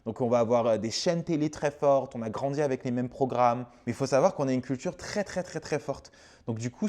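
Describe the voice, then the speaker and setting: A man in his thirties with a French accent talks casually and frankly, filling pauses with little hesitations and repeating words for emphasis. His voice sits at an ordinary pitch and has a mellow, relaxed tone. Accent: French, slightly Québécois-tinged. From France. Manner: chatty, frank, frequent fillers and repetitions. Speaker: host. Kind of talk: casual explanatory monologue.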